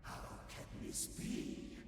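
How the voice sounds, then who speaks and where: An actor playing a zealous demonic priest in a video game, making solemn, preaching proclamations. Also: male voice, extremely slow. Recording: cavernous reverb, distant, under game music.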